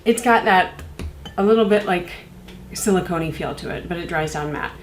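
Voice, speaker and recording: A woman's voice: lowish voice, moderate pace, reverberant, a little hiss or hum, rough recording. A young woman with a congested voice from a cold, chatting casually and rambling with many fillers as she reviews skincare. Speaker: beauty reviewer. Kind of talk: casual product review vlog.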